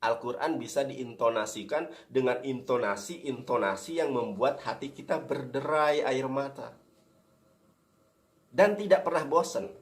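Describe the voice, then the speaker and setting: A man's voice: medium pitch, lively intonation, unhurried. Earnest male preacher, self-correcting. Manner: earnest, addresses listeners as brothers, frequent self-corrections. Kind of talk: religious lecture to an audience.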